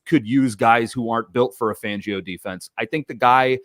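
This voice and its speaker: A man talks sports on a casual podcast, circling his points with fillers and false starts. His voice sits at an everyday middle pitch, recorded dry and close with no room sound. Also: normal speed, fairly bright tone, dry recording. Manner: rambling, many restarts and fillers. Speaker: podcast co-host.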